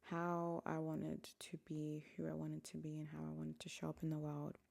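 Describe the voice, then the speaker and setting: A woman's voice: sits low, completely flat delivery, normal speed, creaky, a little mellow. A young woman from Africa hosting a solo podcast, talking candidly and reflectively into a microphone. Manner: candid and reflective, often dropping to a near whisper. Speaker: podcast host. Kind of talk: casual solo podcast monologue.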